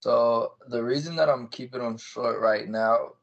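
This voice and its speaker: Heard through dull, lo-fi call audio, a twentysomething music artist with a mid-range, creaky voice speaks a little slowly. He's an interview guest chatting casually and keeping his explanations plain.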